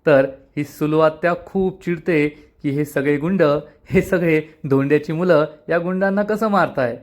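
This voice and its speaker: Energetic man recapping a TV episode. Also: fairly high pitch, moderate pace. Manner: energetic storyteller, dramatic build-ups. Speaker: serial review host.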